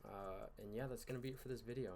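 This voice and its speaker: A man hosting a gaming channel, giving casual commentary over gameplay late at night, tired and yawning, in a relaxed, rambling way with fillers and sighs. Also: lowish voice, fast, creaky, a little hiss or hum. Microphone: voice-over recorded in one take.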